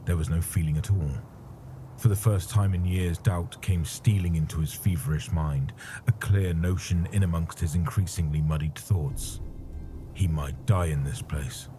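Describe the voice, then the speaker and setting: A man narrating a story in a measured, grave manner. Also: low-pitched, warm tone, a little hiss or hum. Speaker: audiobook narrator. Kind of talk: scripted narration.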